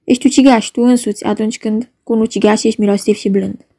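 A woman reading the part of a stern ruling duke who passes judgment in measured tones. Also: on the high side, steady tone, warm tone. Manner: measured, commanding. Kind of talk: dramatic reading of a play.

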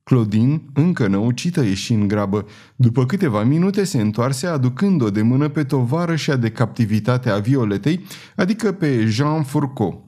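Man narrating with a dark, mellow voice. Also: mid-range voice, animated. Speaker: audiobook narrator. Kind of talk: scripted narration.

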